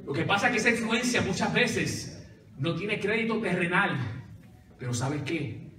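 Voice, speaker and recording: A man's voice: high-pitched, expressive, moderate pace, bright, forceful tone, slight background noise. A male pastor preaching a sermon, calling out to his congregation for responses. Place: church sanctuary. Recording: echoey church hall from far off.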